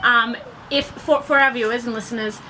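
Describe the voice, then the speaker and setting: A woman's voice: a little high, steady tone, brisk. Upbeat woman radio host. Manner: friendly, upbeat, many "um"s. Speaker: radio show host, interviewer. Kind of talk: radio interview. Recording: clear background noise.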